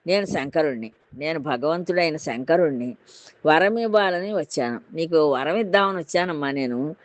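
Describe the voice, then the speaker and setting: A woman voicing the male god Shiva, kindly offering a boon and repeating each phrase in a gently reassuring way. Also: low-pitched, lively intonation, normal speed, dry recording.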